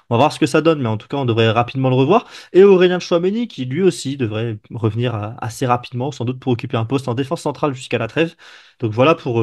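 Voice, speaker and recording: A man working as a correspondent, reporting football news in a brisk, matter-of-fact way. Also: medium pitch, darkish tone. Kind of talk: casual chat, sports reporting.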